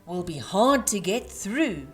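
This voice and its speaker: A woman's voice: mid-range voice, sing-song, slow. A woman voicing a worried, commanding old Santa Claus from a storybook in declamatory rhyme. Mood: worried, resolved. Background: music.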